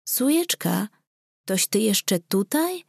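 A woman reading the lines of a gentle, shy young village man in a storybook, speaking softly and coaxingly. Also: mid-range voice, very animated, slow pace, vocal fry, dry recording, clean studio sound, heavily acted. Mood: tender.

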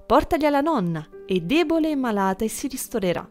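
A woman narrating an audiobook fairy tale in a gentle storytelling manner, with soft music behind. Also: sits high, very animated, a little fast.

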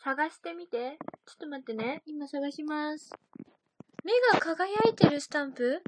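A woman's voice: high voice, normal speed, heavy background noise. A young woman chatting casually on a livestream, reading out viewer comments and giggling often. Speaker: idol livestream host.

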